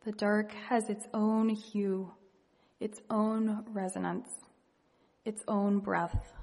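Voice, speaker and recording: A woman leading a guided meditation and reading reflective poetry in a hushed, gentle, unhurried manner with long pauses. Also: medium pitch, little pitch movement, creaky. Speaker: meditation leader. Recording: long reverberant hall echo.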